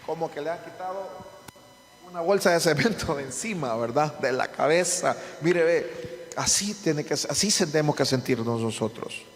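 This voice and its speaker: High-voiced pastor preaching. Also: male voice, normal speed, a little hiss or hum. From Honduras. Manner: preaching with rhetorical questions and repetition; frequent restarts and stumbles. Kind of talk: sermon. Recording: long reverb of a hall.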